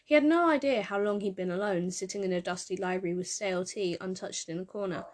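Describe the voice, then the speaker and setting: A woman narrating a piece of fan fiction in a measured, expressive storytelling manner. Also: medium pitch.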